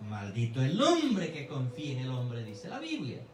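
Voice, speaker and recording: A man preaching a sermon as pastor, emphatic and fervent, with sudden swings in pitch. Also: wildly swooping pitch, moderate pace, roomy sound, recorded from a distance, a little hiss or hum, low-quality recording. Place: church sanctuary.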